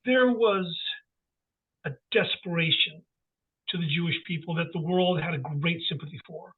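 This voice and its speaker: High, husky man on a tinny line. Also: normal speed. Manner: emphatic, with many restarts. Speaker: author guest. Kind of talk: casual interview talk.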